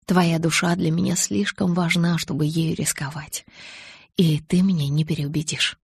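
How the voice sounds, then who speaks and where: A stubborn young woman in love argues in breathless, raised pleas, as a woman reads her lines in an audiobook. The voice stays husky with a gravelly edge. The recording is close and dry. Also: low-pitched, fairly even intonation, moderate pace, dry recording, full character voice. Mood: resolute. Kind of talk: audiobook character reading.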